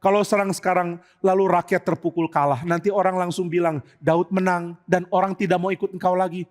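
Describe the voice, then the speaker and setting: A man's voice: high-pitched, flat delivery, brisk, long reverb tail, close to an everyday voice. A man plays a crafty advisor who is secretly loyal to the old king. He speaks in a coaxing, persuasive way. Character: loyal male friend posing as advisor, crafty.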